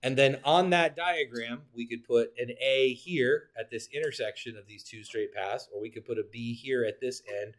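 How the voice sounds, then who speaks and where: A man teaching a geometry class in a lively, talkative way. He keeps checking in with his students, and he throws in quick jokes and self-corrections as he explains. His voice sits at an ordinary middle pitch for a man. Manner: animated, joking asides, talks to students. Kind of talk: classroom lecture.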